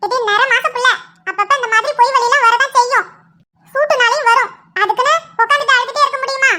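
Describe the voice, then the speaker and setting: Woman putting on a sharp-tongued old granny. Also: very high-pitched, quick pace, pitched above the performer's own voice. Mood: teasing. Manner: teasing, sharp-tongued scolding. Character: blunt scolding old village grandmother. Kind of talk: cartoon voice acting.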